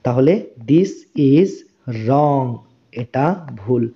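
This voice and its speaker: A man teaching spoken English as a lesson, slowly repeating each phrase and explaining it word by word. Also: mid-range voice, animated. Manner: slow, deliberate repetition of phrases with word-by-word explanation. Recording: dull, lo-fi recording.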